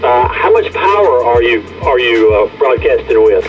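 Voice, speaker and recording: A man, a ham radio operator heard over a handheld radio link, talking haltingly with many fillers and restarts. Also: mid-range voice, sing-song, over music. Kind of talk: radio contact chat. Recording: muffled radio reception.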